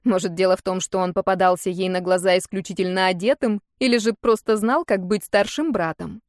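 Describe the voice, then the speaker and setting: A woman narrating a first-person fantasy audiobook in an expressive, lively storytelling manner. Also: mid-range voice, fairly quick, dry recording, clean studio sound.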